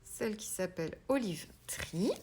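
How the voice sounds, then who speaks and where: A woman giving a casual craft tutorial. She talks chattily and drops into soft whispered asides as she works. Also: mid-range voice, lively intonation, measured pace, slight background noise. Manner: self-mocking, laughs at her own English pronunciation. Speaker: craft demonstrator.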